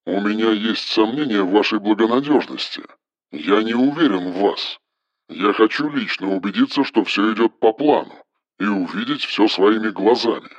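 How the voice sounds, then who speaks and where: A man reading an audiobook, voicing a cold, commanding engineer who gives flat, toneless orders over the phone in a metallic voice. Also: on the low side, normal speed, no echo, lo-fi sound, pitched below the performer's own voice. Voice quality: metallic timbre.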